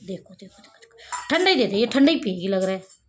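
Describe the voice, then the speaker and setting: Very animated and fast, a medium-pitched woman talks to a cat she's filming with a phone camera in her home courtyard, with slight background noise present. The pet vlogger coaxes it with a sing-song call as she chats casually.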